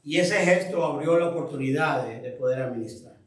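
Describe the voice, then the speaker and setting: A man's voice: a little high, a little fast. Man teaching a Bible study from afar. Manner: reflective, asks the group questions. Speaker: pastor leading a Bible study. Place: church room. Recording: echoey room, voice from far off.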